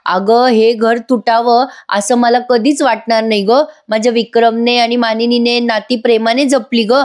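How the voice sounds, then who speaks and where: A woman voicing a scheming older aunt in a TV serial recap, pleading in drawn-out melodramatic lines. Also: on the high side, little pitch movement, close to an everyday voice.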